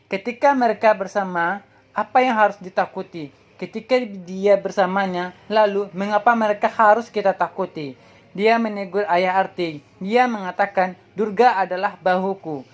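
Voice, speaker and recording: A woman reading an episode synopsis aloud in a plain, steady way, now and then stumbling over a word. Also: mid-range voice. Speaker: channel host summarizing a TV serial.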